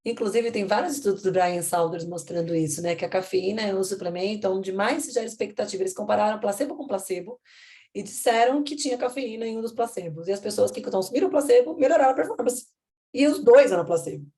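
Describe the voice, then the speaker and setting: A woman's voice: mid-range voice, fast talker, warm tone. A woman with a Brazilian Portuguese accent co-presenting a workshop, chiming in and explaining research in a conversational way. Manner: supportive interjections, explains research. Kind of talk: conversational teaching.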